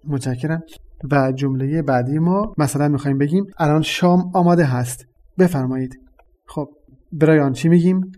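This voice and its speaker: Man, language lesson host, measured explanations, warm dark tone. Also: on the high side.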